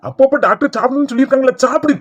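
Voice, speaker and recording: Lady doing a fussy uncle voice, fast and pushy, nagging her to eat, home skit. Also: high voice, highs cut off, very noisy, voice pushed down, natural voice. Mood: coaxing. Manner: fussing, urging her to eat. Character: caring older man, father-in-law, gently coaxing.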